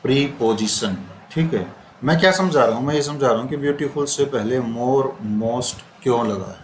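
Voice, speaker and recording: A man teaching a classroom grammar lesson, repeating words slowly and quizzing his students as he explains. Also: medium pitch. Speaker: English teacher. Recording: roomy classroom with faint noise.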